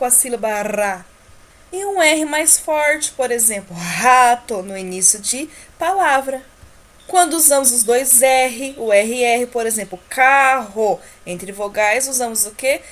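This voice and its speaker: A Brazilian woman teacher with a fairly high voice runs through homework corrections for young children. She asks the class questions and answers them herself, drawing out the example words slowly so each sound is clear. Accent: Brazilian Portuguese. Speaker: primary school teacher.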